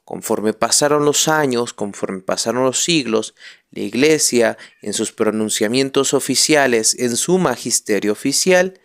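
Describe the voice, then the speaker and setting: Slow, smooth-voiced friar teaching catechism. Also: male voice, medium pitch. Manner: emphatic, repeats phrases, leans on key words. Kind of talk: catechism video lecture.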